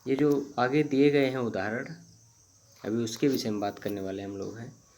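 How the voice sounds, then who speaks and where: A man teaching grammar in Hindi, reading each rule out very slowly, one word at a time, and repeating himself with hesitant fillers. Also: mid-range voice, fairly even intonation, darkish tone. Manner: explains slowly in Hindi, reads English rules very slowly word by word. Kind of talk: Hindi-medium grammar lesson.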